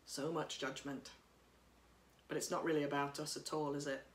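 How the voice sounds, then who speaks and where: A woman priest giving a sermon at home, speaking in a gentle, reflective way while reading from notes, recorded by a camera across a room. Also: low-pitched, level tone, normal speed, reverberant. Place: living room by a bright window.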